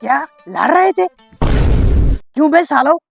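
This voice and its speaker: A middle-aged village headman, put on by a man in a comedy skit, gruff with others and sugary to his wife. The voice is gravelly and fairly high, with faint music behind. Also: sing-song, unhurried, full character voice.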